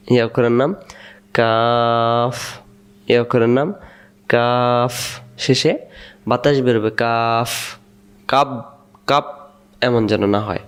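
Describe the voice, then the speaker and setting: A man teaching Quran letter pronunciation, patiently sounding out and repeating each syllable in a slow, drilled lesson. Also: mid-range voice.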